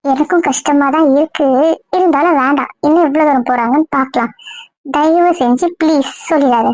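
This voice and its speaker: A woman's voice: high-pitched, brisk, darkish tone, dry recording, natural voice. A woman playing a sly young sister-in-law. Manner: conspiratorial. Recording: dull lo-fi dry recording.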